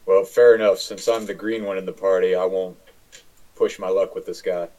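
Male player, dark mellow tone, lowish pitch, casual polite role-play. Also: steady tone, moderate pace, poor audio. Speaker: tabletop game player.

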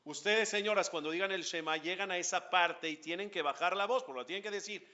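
A man leads a lively religious class, firing questions at his listeners and chanting lines of Hebrew prayer. His voice is bright and a little high. The recording is dull and lo-fi. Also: fast talker. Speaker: rabbi teaching a class.

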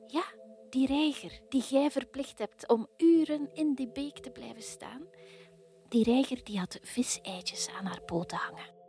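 A woman's voice: sits high, measured pace. Woman whispering as a tender ghostly kingfisher, whispered role-play. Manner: tender, soft, consoling. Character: departed female kingfisher, gentle and loving.

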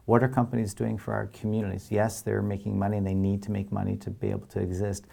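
A man answering interview questions as an organisation leader, explaining in a measured way with pauses and emphasis on key words. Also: lowish voice, monotone, creaky, mellow. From Canada.

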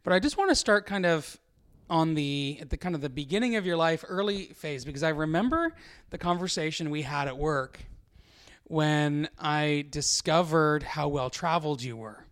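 A man's voice: fairly high pitch, lively intonation, normal speed, fairly bright tone, clear, resonant tone. A man, a pastor hosting a podcast, praying earnestly and then introducing his guest.

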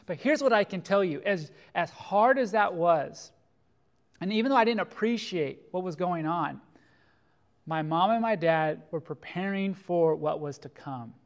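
A middle-aged man from California preaching a sermon as pastor, earnest and slowing down to stress key phrases. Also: sits high, animated.

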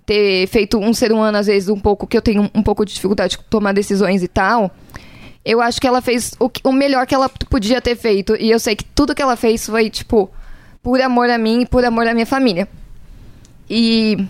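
Young woman, earnest heartfelt chat, smooth clear voice, dry sound. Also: a little high, steady tone, brisk, no room sound. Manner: heartfelt, earnest, close to tears. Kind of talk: casual chat.

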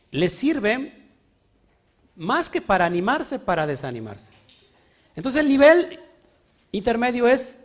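A man preaching a sermon, asking his listeners frequent questions. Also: high-pitched. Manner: animated, asks the congregation questions often. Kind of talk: sermon teaching.

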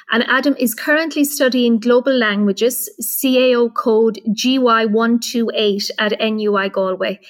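Slightly high-voiced Irish woman interviewing. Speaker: podcast host.

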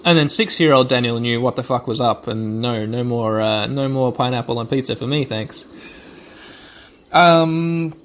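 At a moderate pace and in a mid-range voice, a male podcast host plays a video game and narrates the gameplay for his listeners. His running commentary is chatty and wry.

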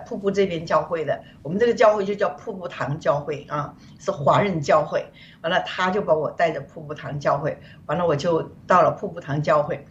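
A woman from China, a guest on a show, giving a rambling, earnest personal testimony of faith over a remote call. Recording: distant, dull, faint rumble.

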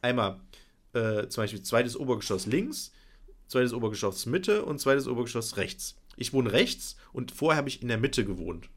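A man in casual podcast chat, telling a story with a lively voice that swings high and low. He acts out his own reactions as he goes, often breaking into laughter. His pitch sits in an ordinary middle range. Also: normal speed. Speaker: podcast co-host telling an anecdote.

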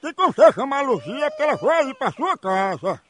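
A man's voice: very high voice, very animated, brisk, fairly bright tone. A man hosting a radio prank call, pleading in a fussy, panicked way.

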